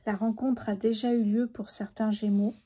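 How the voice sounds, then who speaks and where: A woman in her fifties with a sore throat, speaking softly and sometimes whispering as she lays out a tarot reading. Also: medium pitch, level tone, normal speed, husky. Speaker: tarot card reader.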